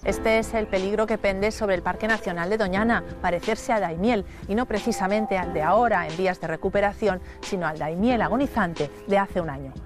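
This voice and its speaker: A woman's voice: mid-range voice, fairly quick, hardly any pauses. A woman with an accent from Spain presenting a television programme in a scripted style as host. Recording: music behind the voice.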